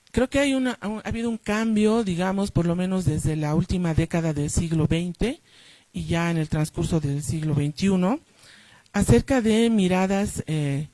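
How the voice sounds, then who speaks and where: A woman co-editor giving a formal book launch speech, measured and full of hesitant fillers. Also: on the low side, dark tone, dry recording, poor audio. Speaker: book co-editor and former program director.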